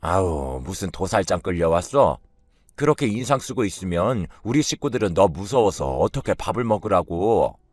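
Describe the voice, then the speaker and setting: A man's voice: sits low, very animated, moderate pace, a little mellow, no room sound, studio quality. A man doing a sneering, taunting sister-in-law. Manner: taunting, sarcastic. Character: sneering middle-aged sister-in-law woman, mocking.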